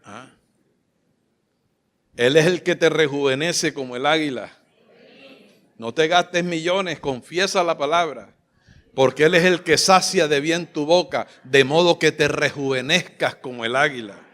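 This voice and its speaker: A man preaching a sermon, impassioned and fervent, climbing to loud exclamations and at times choked with emotion. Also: a little high, unhurried, pauses often. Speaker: pastor. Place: church sanctuary.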